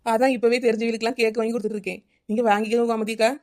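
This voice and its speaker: Playing a scatterbrained housewife in a comedy cartoon, a woman chatters and wheedles in a Kanyakumari Tamil accent. Her natural voice is high with a level, darkish tone, and she speaks fast, circling back to one name over and over.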